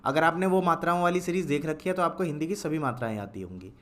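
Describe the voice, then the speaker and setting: A young man teaching Hindi spelling, dictating each word slowly, repeating it and quizzing the listener. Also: fairly high pitch, expressive, fairly bright tone. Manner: dictates words slowly, repeats each, asks "kya hai?". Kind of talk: slow dictation lesson.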